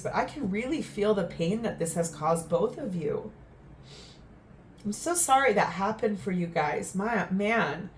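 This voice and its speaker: A woman giving a tarot reading in a gentle, earnest, reflective way, with frequent fillers. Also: mid-range voice, a little hiss or hum. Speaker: tarot reader.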